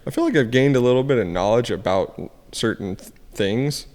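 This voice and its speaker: A man, co-hosting a casual podcast chat, relaxed and quick to laugh. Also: mid-range voice, big-room sound. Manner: laughs often, relaxed and joking. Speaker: podcast co-host.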